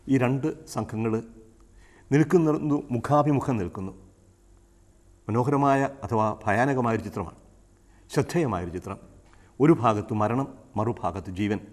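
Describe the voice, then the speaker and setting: A man giving an earnest sermon reflection. He builds up his phrases and then drops to soft, hushed repeats. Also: medium pitch. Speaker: preacher.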